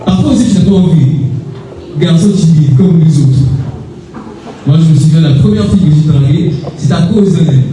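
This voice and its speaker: A man's voice: sits high, recorded from a distance. Young man preaching in an echoey hall. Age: young adult. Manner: asks the crowd questions and calls for amens; rises to shouts at times. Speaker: youth preacher. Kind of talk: sermon to a youth seminar.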